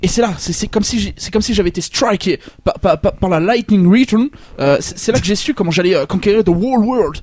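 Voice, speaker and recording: A man's voice: high-pitched, animated, quick pace, few pauses, darkish tone. A man playing a boastful, greedy manga author with a Belgian accent, stammering through heavy franglais. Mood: bragging. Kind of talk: comic parody interview.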